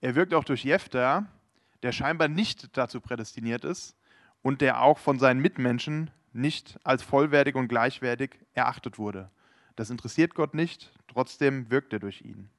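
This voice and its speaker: A man's voice: mid-range voice, moderate pace, no echo. Man preaching, earnest, talks right to you, dead dry sound no room. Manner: earnest, addresses listeners directly. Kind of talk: sermon.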